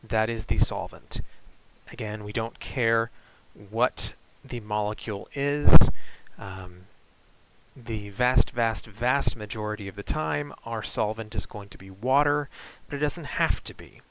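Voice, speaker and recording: Chemistry teacher guy, lowish gravelly voice, lots of uh and um, laid back lecture. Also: a little slow, background noise. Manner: relaxed explaining with many fillers. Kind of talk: recorded online lecture.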